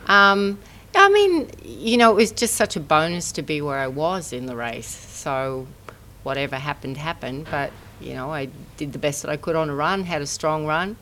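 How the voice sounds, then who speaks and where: A woman's voice: sits low, lively intonation, moderate pace, hardly any pauses, sharp tone, slight background noise. A mature woman, reminiscing casually in an interview as a former athlete. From Brisbane, Australia. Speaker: former professional triathlete, interviewee.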